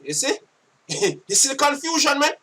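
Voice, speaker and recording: A Jamaican man giving casual sitdown commentary on scripture, forceful and scolding, often repeating himself. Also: very high-pitched, big pitch swings, moderate pace, recorded from a distance. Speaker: religious commentator.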